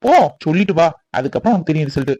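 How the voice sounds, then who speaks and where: A scheming young man who coaches his friend in a bossy, know-it-all way. He talks fast, in a middle pitch, dry and close to the mic. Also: animated, mellow, breathy edge, dry recording, lo-fi sound. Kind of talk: cartoon voice acting.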